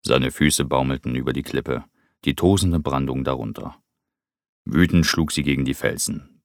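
A man reading an audiobook with measured, somber narration. His voice is extremely deep, with a gravelly creak running through it. The recording is dry and close, with no room around it. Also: no echo.

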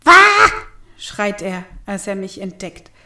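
A woman reading a comic first-person story aloud, wry and lively, with whispered asides. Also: mid-range voice, unhurried. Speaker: audiobook narrator. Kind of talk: first-person comedic audiobook narration.

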